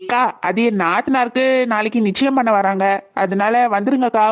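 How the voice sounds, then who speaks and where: A woman's voice: a little high, fairly quick, dull audio, natural voice. A woman voicing a polite young married neighbor in a cartoon, speaking earnestly and conversationally.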